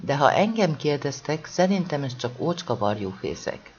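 A reader voicing a bossy, blustering bald male schoolteacher in an audiobook, giving orders and shouting. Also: mid-range voice, big pitch swings, highs cut off, a little hiss or hum. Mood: sarcastic. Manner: commanding, bursts into loud shouts.

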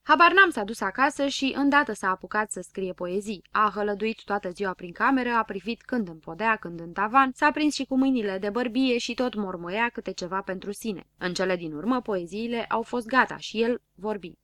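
Expressive woman reading a children's story. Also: mid-range voice, hardly any pauses, dry recording. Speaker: audiobook reader. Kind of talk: storybook narration.

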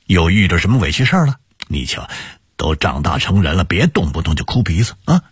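A man's voice: low voice, very animated, brisk, breathy edge, no room sound, full character voice. A man voicing a middle-aged man returning home, hearty at first and then stunned. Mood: urgent. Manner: hearty calls, then disbelieving murmur.

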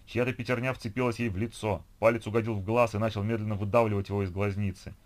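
A man reading an audiobook in an even, measured narration. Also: on the low side. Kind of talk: scripted narration.

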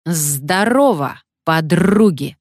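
A woman voicing a cheeky, pushy old male parrot with a hoarse, croaking, drawn-out voice, in an audiobook story. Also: lowish voice, expressive, a little mellow, dry recording, studio quality.

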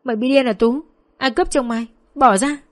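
A woman voicing a young female student who shouts back defiantly while being attacked, in a narrated story. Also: medium pitch, brisk, close to an everyday voice. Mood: shouting back. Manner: loud, pleading, defiant.

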